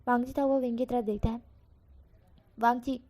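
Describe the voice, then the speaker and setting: Woman telling a fanfic story, chatty and self-correcting, soft mellow voice. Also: a little high, fairly even intonation, normal speed. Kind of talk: casual storytelling of a fan fiction.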